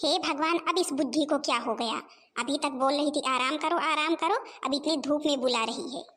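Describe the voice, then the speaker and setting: Sly, lazy young daughter-in-law, played by a woman, whiny, very high-pitched. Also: moderate pace, a bit bright. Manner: whiny, scheming asides. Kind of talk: cartoon voice acting.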